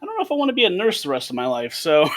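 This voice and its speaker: A man's voice: sits high, huge pitch swings, quick pace, fairly bright tone. A man co-hosting a podcast, chatting casually and animatedly over a remote call, laughing often and restarting his sentences. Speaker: podcast co-host.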